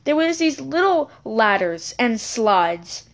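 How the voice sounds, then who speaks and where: A woman's voice: fairly high pitch, very animated, slow pace. A woman telling a childhood story in a casual, rambling episode, correcting herself and adding chatty asides.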